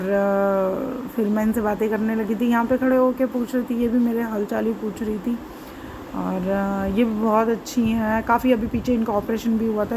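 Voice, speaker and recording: A woman vlogger with a hoarse, sore throat, chattily narrating her home footage and often correcting herself as she rambles. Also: fairly high pitch, darkish tone, slight background noise, low-quality recording.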